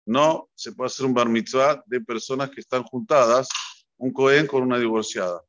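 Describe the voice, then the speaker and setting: A man gives a religious talk, earnest and instructive, weaving in stories and hammering points home by repetition. His voice sits at a middling pitch. The recording is muffled and lo-fi. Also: fairly even intonation, moderate pace, fairly bright tone, slight background noise. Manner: earnest, instructive, with repeated phrases for emphasis. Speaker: rabbi teaching a class. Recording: dull lo-fi recording.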